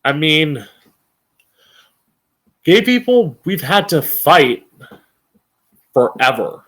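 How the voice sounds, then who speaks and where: A man's voice: on the high side, sing-song, drawn-out words, a bit bright. A man with a campy drag queen manner hosting an informal opinion monologue, emphatic and opinionated, with plenty of swearing. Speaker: podcast host.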